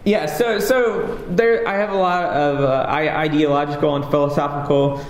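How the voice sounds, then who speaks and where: Speaking at a moderate pace with a steady tone and fairly high pitch, a man gives a loose, filler-laden conference talk as a game developer, poking fun at himself. The hall is echoey with faint ambience.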